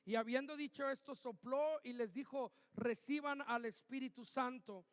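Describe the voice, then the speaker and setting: A man's voice: extremely high pitch, moderate pace. A man preaching a sermon, punching out key words and acting out quoted lines. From Mexico. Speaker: pastor. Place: church hall. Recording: echoey church hall.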